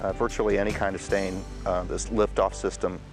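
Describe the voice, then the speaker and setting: A man's voice: low voice, flat delivery, fairly quick, low-quality recording. A man giving a matter-of-fact testimonial as a company representative. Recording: music behind the voice.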